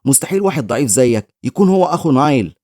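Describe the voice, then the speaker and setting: A man's voice: medium pitch, sing-song, very fast, warm tone, no room sound, studio quality, lightly acted. A man voicing a cruel, sneering male guild leader in a recap with an Egyptian Arabic accent, mocking in tone.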